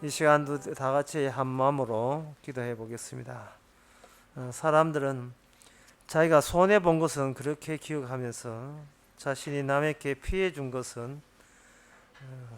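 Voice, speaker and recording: During a church service, a male pastor leads his congregation in an earnest, hushed prayer whose phrases trail off at the ends. His medium-pitched voice is unhurried with fairly even intonation.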